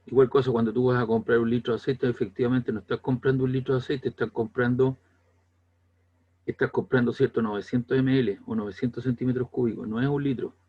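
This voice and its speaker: A man's voice: medium pitch, steady tone, fast, lo-fi sound. A man with a Chilean accent giving a classroom lecture in a conversational way, often checking whether the students follow. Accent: Chilean Spanish. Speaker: teacher.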